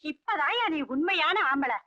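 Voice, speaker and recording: An actress playing a feisty, sharp-tongued young wife who scolds and teases, from an old film soundtrack. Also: female voice, high-pitched, animated, unhurried, dry recording, muffled recording, heavily acted. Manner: scolding, teasing. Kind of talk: 1980s Tamil film dialogue.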